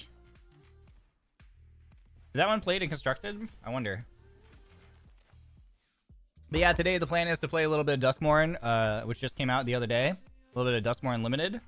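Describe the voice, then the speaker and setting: A man with a mid-range, slightly bright voice streams a card game, sounding a little congested from a sore throat. He chats casually and reads card text aloud, often restarting and using fillers.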